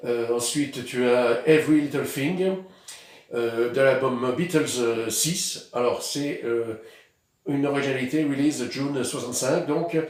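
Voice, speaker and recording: A man's voice: mid-range voice, a little slow, very echoey. A man casually showing his vinyl records outdoors, rambling with many hesitations. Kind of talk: casual vlog. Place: outdoors in the sun.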